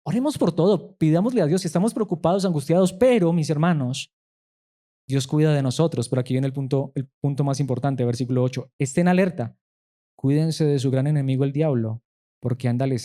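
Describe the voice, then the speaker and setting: A man's voice: mid-range voice, a little fast, dark tone. A man pastor, preaching a sermon emphatically and asking his listeners rhetorical questions.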